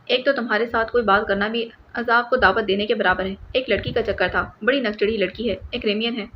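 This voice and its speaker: A woman's voice: on the high side, steady tone, natural voice. A woman reading a hot-tempered police superintendent. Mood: angry. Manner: angry scolding tone. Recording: slightly muffled with faint hiss.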